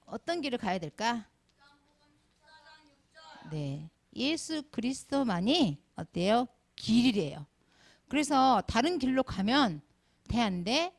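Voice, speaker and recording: A woman's voice: a little high, slow, pauses often. A middle-aged woman giving a Sunday school sermon to children, asking them question after question. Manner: asks the children constant questions, animated.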